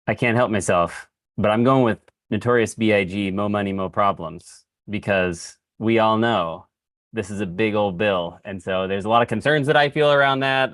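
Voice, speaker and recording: A man's voice: fairly low pitch, a bit bright, dry recording. A man who works as a pedestrian advocate, introducing himself in a playful but earnest way on a video call.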